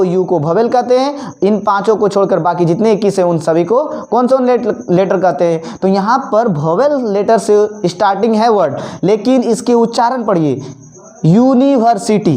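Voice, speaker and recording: A man teaching an English grammar lesson, repeating each example word slowly and asking questions that he then answers himself. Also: high voice, mellow. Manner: asks the class questions and answers them himself. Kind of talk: classroom-style grammar lesson.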